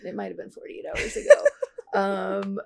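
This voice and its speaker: Gravelly-voiced woman podcast co-host. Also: medium pitch, wildly swooping pitch, normal speed, a little mellow. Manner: candid and conversational. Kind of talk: casual chat.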